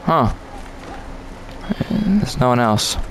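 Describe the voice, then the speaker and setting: A man's voice: medium pitch, very animated, extremely slow, a little hiss or hum, rough recording. A man giving casual, jokey commentary on his own gameplay, chatting to himself and to other players.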